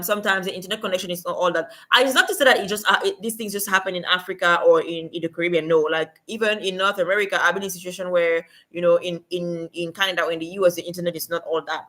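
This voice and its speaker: Woman livestream host from Cameroon, conversational with fillers, bright sound. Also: on the low side. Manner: chatty, many fillers, talks to viewers in chat. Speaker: livestream host and remote work coach. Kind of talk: casual livestream advice.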